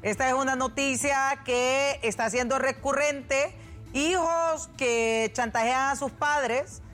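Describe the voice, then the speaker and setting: High-voiced Honduran radio host. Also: female voice, a bit bright, soft background music. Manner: brisk, urging callers along with repeated "vamos". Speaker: radio call-in show host. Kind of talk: live call-in radio talk.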